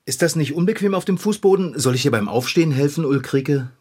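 Woman as a friendly bicycle shop owner; soothing, hesitant, low pitch with a lively melody. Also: quick pace, slightly rough. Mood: kindly. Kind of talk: children's radio play acting.

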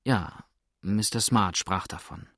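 Man voicing a calm old traveller in a storybook, reassuring, low gravelly voice, dry close sound. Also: slow, no echo, full character voice.

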